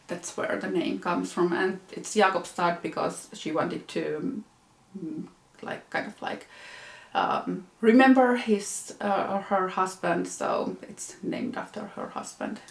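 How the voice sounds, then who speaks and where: A young Finnish woman with a Finnish accent hosts a knitting podcast, showing off her projects in a hesitant, casual show-and-tell full of fillers. Her medium-pitched voice is creaky, and the sound is roomy.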